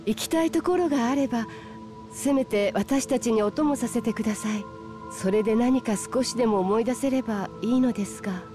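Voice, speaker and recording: A woman's voice: on the high side, lightly acted. An actress playing a composed, caring female water spirit in a video game, speaking politely and formally. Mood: resigned, caring. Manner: polite, measured formal speech. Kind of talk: Japanese RPG cutscene voice acting. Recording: game soundtrack music behind.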